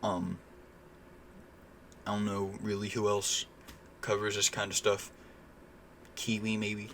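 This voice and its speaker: A young man rants straight to camera in a casual vlog. His voice sits a little low, and his indignant delivery is loose, full of swearing and filler words. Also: level tone, takes it slowly, fairly bright tone, slight background noise. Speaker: vlogger.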